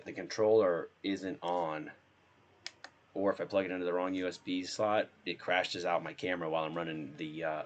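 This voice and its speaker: A man with a very low, hoarse voice, worn rough from a recent illness. He rambles casually and thinks aloud as he sets up a live game stream. A faint hum of room noise sits behind him. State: hoarse from being sick. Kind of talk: casual live-stream chat while gaming.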